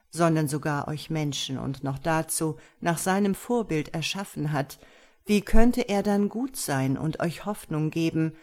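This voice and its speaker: A sardonic male stone angel, as a woman reads him in an audiobook, lecturing with lofty scorn and pointed rhetorical questions. The voice sits low and pushes a little louder than the narration. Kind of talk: audiobook character reading.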